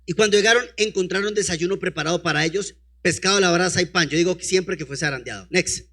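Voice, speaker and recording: A male preacher with a high, bright, ringing voice delivers a sermon. He reads scripture aloud and keeps breaking off to fire rhetorical questions at his listeners, then calls for the next slide. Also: quick pace. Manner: peppers reading with rhetorical questions to the congregation; calls out to a helper to advance the slides.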